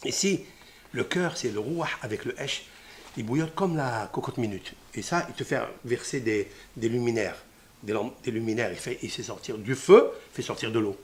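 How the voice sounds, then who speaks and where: A man giving a religious lesson on scripture, sprinkling Hebrew terms into his talk and swinging from hushed murmurs to loud exclamations. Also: mid-range voice, moderate pace. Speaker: Torah teacher.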